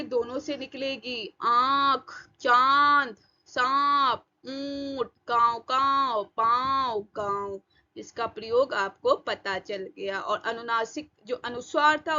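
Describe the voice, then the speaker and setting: A woman with a fairly high, bright voice teaches a grammar lesson at an unhurried pace. She asks the class questions and answers them herself, repeating the examples one by one. The recording sounds a little dull and lo-fi. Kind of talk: online exam-prep lesson.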